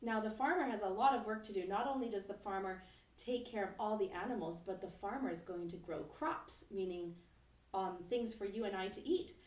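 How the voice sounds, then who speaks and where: A woman music teacher leading a children's lesson at home, speaking gently and encouragingly and singing slow, simple verses. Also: mid-range voice. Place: home, kitchen nearby. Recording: roomy echo from a distance.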